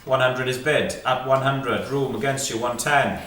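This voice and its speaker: A man's voice: mid-range voice, steady tone, normal speed, a bit bright. A man working as a fine art auctioneer, calling lots and bids live in clipped, repeated numbers and short prompting questions. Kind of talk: live auction calling, rapid chanted bids and lot descriptions. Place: indoor auction saleroom. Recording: echoey saleroom, distant mic, faint noise.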